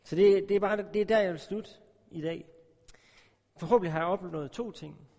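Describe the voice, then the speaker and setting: A man preaches to his congregation in a loose, chatty way, with fillers and little jokes between points. His voice sits a bit high for a man. The sound rings with the long reverb of a big hall. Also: warm tone. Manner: casual, joking preaching with many fillers. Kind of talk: informal sermon with a personal story.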